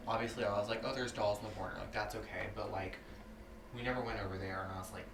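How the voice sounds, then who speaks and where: A man's voice: lowish voice, steady tone, fast. A man chatting casually about what he sensed, rambling with many fillers. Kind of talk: casual chat. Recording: echoey room, heard from far off, with clear background noise.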